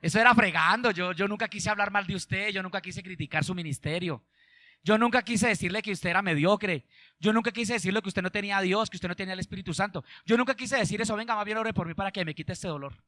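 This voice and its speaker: A man's voice: sits high, fast, bright, forceful tone, dry recording. A man voicing a humbled male king, wheedling and apologetic as he begs for help. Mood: pleading.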